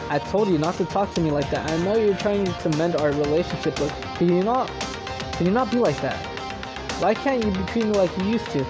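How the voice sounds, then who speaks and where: A man's voice: sits high, fairly quick, natural voice. A man reading as a hurt, defiant young noblewoman. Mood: pleading. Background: game music.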